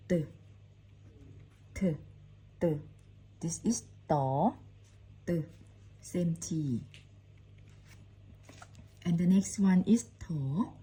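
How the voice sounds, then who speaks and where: A woman's voice: sits low, warm tone, husky, poor audio. A woman teaching her language in a short casual lesson, saying each letter sound over and over. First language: Lao. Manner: slow, repetitive, says each sound several times.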